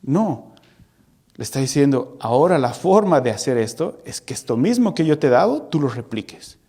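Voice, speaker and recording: A man preaching a sermon in an animated way, asking the listeners rhetorical questions and acting out the voices of the people in his story. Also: mid-range voice, normal speed, slightly rough.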